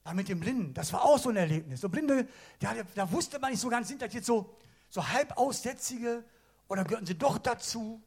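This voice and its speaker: A man's voice: extremely high pitch, a little fast, vocal fry, husky. A man preaching a casual sermon, retelling stories in colloquial slang. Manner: colloquial, animated storytelling with slang.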